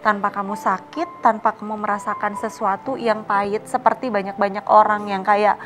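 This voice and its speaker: A woman quoting a calm, earnest husband. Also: mid-range voice, normal speed, slight background noise, lightly acted. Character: calm devout husband giving gentle advice.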